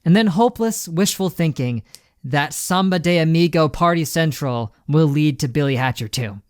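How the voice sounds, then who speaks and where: A man's voice: on the high side, lively intonation, normal speed, no room sound, studio quality. A man streaming a casual, ranting reaction commentary, with an emphatic, slangy way of talking. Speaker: streamer reacting to a game showcase.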